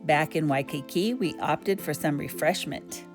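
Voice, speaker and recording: An older woman narrating a travel vlog in a calm, matter-of-fact way. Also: sits low, unhurried. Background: guitar music.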